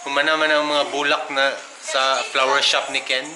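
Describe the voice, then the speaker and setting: A man films a casual vlog on a handheld camera while he helps out around a busy house. He jokes, laughs a lot and hops between languages as he talks. Loud noise runs under his voice the whole time, and his pitch sits in the middle range. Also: little pitch movement, moderate pace. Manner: joking, laughs often, switches between languages. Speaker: vlogger. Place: indoors, busy house during wedding preparations.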